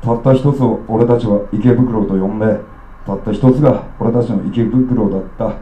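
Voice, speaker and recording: A man from Okayama performing his own poetry live, with rough, streetwise declamation. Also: lowish voice, steady tone, moderate pace, reverberant, highs cut off. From Okayama, Japan. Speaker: spoken-word poet. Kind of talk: live spoken-word poetry reading.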